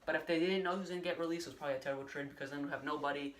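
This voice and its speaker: A man's voice: on the high side, fairly even intonation, very fast, a bit bright, recorded from a distance, a little hiss or hum. A young man giving a casual, rambling solo sports recap with many fillers and restarts. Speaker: sports vlogger.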